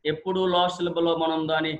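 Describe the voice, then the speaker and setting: A man's voice: on the high side, little pitch movement, rapid-fire, dull audio. A male teacher explaining English word stress in Telugu, repeating each example word twice with careful syllable stress. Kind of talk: exam-prep lesson on word stress.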